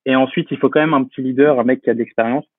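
A man's voice: medium pitch, steady tone, very fast, husky, no room sound. Man on a tinny, dry phone-like line. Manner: hesitant, many fillers and restarts. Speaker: guest. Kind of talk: casual interview talk.

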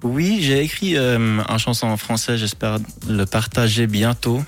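A calm man giving a casual interview in halting French, slipping in words. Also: mid-range voice. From Switzerland or Britain. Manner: hesitant, halting French with English words mixed in. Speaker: pop singer, interview guest.

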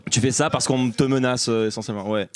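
A man's voice: medium pitch, steady tone, fast talker, a little mellow, no echo. A young man co-hosting a casual film chat in front of a live audience, rambling with many fillers and self-mocking jokes. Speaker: podcast co-host.

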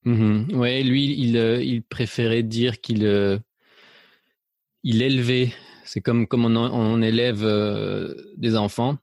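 A middle-aged man from Spain, an interview guest, reflects on his life hesitantly, full of fillers and restarts, with a mixed French accent carrying a slight Belgian touch. His medium-pitched, darkish voice is slow with fairly even intonation, recorded with studio quality and no echo.

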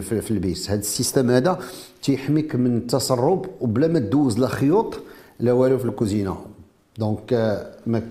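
Fast-talking Moroccan Arabic man demonstrating a product. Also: medium pitch, dark tone. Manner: mixes French technical terms into speech. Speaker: inventor presenting a product.

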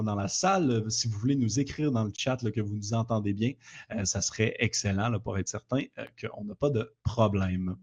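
A man's voice: mid-range voice, a little mellow. A man hosting a webinar interview, speaking with many fillers and restarts over a video call. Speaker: webinar host and company president. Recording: slightly dull lo-fi audio.

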